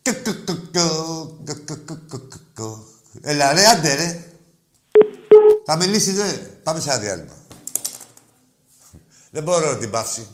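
Male sports radio host, brash and mocking, loud outbursts dropping to muttered asides. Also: a little high, sing-song, long pauses, a little hiss or hum. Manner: mocking and insulting callers, shouting in bursts. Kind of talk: rowdy call-in radio banter.

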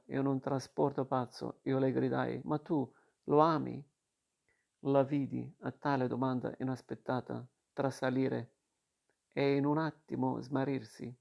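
Slow gravelly man reading a novel. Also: medium pitch. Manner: slow, steady literary reading. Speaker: reader. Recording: dull lo-fi recording.

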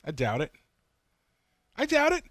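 A man co-hosting a casual racing podcast, an animated storyteller who acts out quotes. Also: very high voice, a little slow, dry recording. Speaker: podcast co-host. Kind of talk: casual chat.

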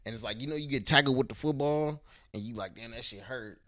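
A man's voice: medium pitch, fast, fairly bright tone. A man from Houston, a podcast guest talking in a loose, slangy, profane way, often trailing off and searching for words. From Houston, Texas. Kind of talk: casual podcast conversation.

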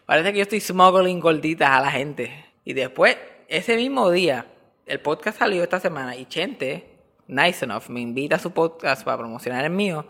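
A young comedian hosts a laid-back podcast from his apartment, telling stories in a lively way and dropping English words into his speech. His voice sits a little high and moves at a moderate pace.

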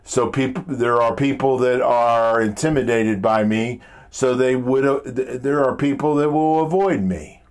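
This motivational speaker has a deep, powerful male voice. His casual pep talk is halting, blunt and emphatic, peppered with rhetorical questions and frequent repetition.

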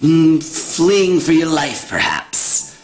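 A man's voice: fairly high pitch, big pitch swings, slow pace, voice pushed up. A man voicing a scheming old hag who mocks and threatens, with cackling laughs. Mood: mocking. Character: scheming old female hag, mocking and menacing.

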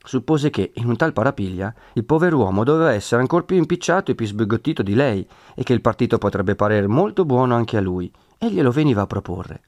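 A man narrating a classic novel in a steady, measured reading. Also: medium pitch, no room sound, studio quality.

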